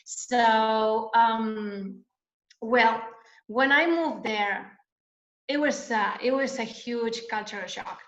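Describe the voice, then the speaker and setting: A woman's voice: on the high side, slow, a bit bright. A woman from Spain with a Spanish accent, a guest educator talking hesitantly with many fillers in an online interview. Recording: echoey, dull lo-fi call audio.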